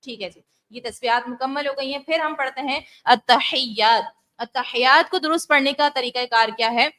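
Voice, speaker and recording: A woman teaching Quran recitation in an Urdu lesson, explaining mistakes and reciting Arabic phrases slowly and drawn out. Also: sits high, sharp tone.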